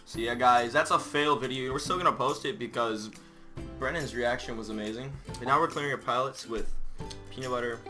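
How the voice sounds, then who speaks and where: Young male vlog host, sharp bright tone, ordinary pitch, chatty, in a bedroom. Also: fairly quick, faint music behind. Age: teens or young adult. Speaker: video host. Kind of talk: casual vlog chat. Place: small bedroom indoors.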